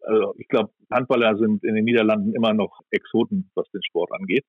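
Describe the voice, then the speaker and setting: A sports pundit with a lowish, steady voice offers conversational analysis, thinking aloud as he weighs his judgments with care. He speaks fairly quickly, and the audio is dull and band-limited but has no echo.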